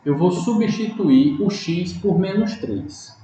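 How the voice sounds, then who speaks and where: A man's voice: sits high, expressive, slow, warm tone. A man teaching a math lesson step by step, patient and often checking in with his students. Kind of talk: recorded online math lesson. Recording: echoey, dull, lightly noisy room audio.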